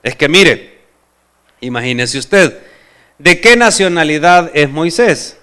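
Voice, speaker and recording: Bright clear-voiced male preacher. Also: fairly high pitch, slow pace. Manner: asks the congregation questions, expressive. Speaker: pastor. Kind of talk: sermon.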